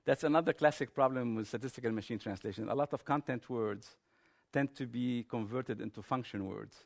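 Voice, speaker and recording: A man's voice: medium pitch, brisk, gravelly. A man giving a technical conference presentation in an informal, explanatory manner.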